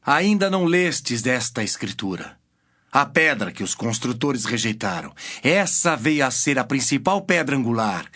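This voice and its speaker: An actor playing Jesus as an authoritative teacher in a dramatized scripture reading, speaking in a solemn, emphatic, declamatory manner. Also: male voice, medium pitch, big pitch swings, normal speed, a bit bright. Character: Jesus, authoritative male teacher answering challengers with parables.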